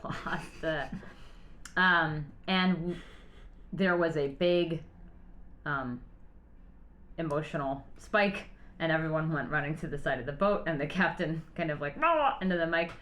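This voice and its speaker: A woman co-hosting a chatty podcast, her voice a little low for a woman. She tells stories in an animated way and laughs easily. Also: normal speed, long pauses. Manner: animated storyteller, laughs often. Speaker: podcast co-host. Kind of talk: casual podcast chat.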